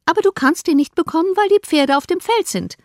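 A woman's voice: very high-pitched, brisk, no room sound, clean studio sound, pitched above the performer's own voice. A woman reading an audiobook, voicing a fussy, scheming middle-aged mother who frets and scolds. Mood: scolding. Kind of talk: audiobook character voice.

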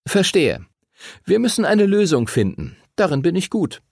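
Male reader voicing a reasonable young boy, storybook, high. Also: very animated, moderate pace, gravelly, darkish tone, slightly rough, no echo, clean studio sound, heavily acted. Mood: calm. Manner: reasonable, soothing. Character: calm, clever young boy.

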